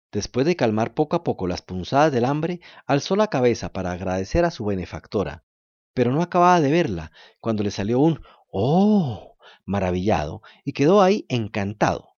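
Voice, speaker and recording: Man reading a kids' story, really animated, kinda dull dry sound. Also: medium pitch, no room sound. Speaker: storyteller reading a children's book.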